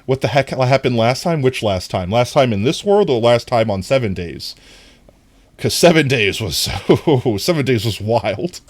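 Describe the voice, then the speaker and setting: A man's voice: medium pitch, expressive, measured pace, dry recording. A man streaming live and chatting casually with his viewers, rambling earnestly with lots of restarts and frequent laughter. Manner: laughs often between sentences.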